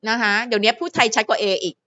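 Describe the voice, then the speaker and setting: Chatty woman vlogger with a higher voice. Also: lively intonation, racing, sharp tone, lo-fi sound. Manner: chatty, playful, talks to herself and the viewers. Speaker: fan channel host. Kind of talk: casual solo vlog commentary.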